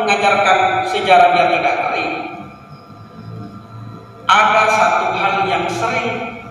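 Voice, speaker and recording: A man's voice: high-pitched, bright, forceful tone, slight background noise. A man giving a workshop lecture to teachers, asking rhetorical questions and stressing key words. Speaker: teacher trainer. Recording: echoey hall from far off.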